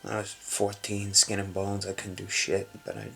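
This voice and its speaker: A man playing a gravelly hushed tough guy. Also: monotone, normal speed, a little hiss or hum, heavily acted. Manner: hushed, low confessional storytelling, often near a whisper. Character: hardened adult man from a rough Brooklyn upbringing. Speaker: actor. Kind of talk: dramatic film monologue.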